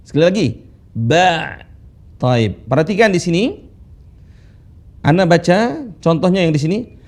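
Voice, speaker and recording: A man teaching Quran recitation rules, patiently drilling students with slow, drawn-out recited phrases. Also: high-pitched, animated. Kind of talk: tajwid lesson with recitation drills. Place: classroom studio with whiteboard.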